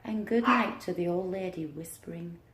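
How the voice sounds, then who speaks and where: A woman teacher reading aloud to young children in an encouraging manner, with questions and deliberate pauses. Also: lowish voice, heavy background noise. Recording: roomy, echoing room sound.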